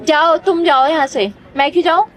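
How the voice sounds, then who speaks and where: A woman's voice: high voice, fairly even intonation, fairly quick, fairly bright tone, a faint crowd. A woman talking back sharply and indignantly while a stranger teases her. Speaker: prank target. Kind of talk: heated street argument.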